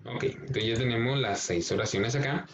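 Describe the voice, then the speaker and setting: A male English teacher, explaining a workbook lesson slowly, step by step, and reading the exercises aloud. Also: medium pitch, gravelly, slight background noise. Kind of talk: recorded class explanation. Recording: dull lo-fi recording.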